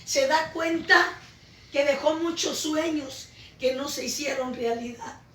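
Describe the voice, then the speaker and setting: Woman preacher, Pentecostal testimony, shouts then hushes; recorded far off in a roomy space. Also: high voice, measured pace. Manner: impassioned, swings between shouting and hushed. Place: church home meeting. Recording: echoey room, voice from far off.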